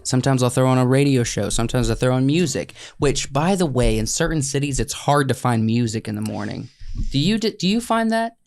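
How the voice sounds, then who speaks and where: Joking guy on a podcast, mid pitch, playful banter. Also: lively intonation, a little fast, a little mellow, a little hiss or hum. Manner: playful, jokey, slips into mock radio voices. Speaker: podcast co-host.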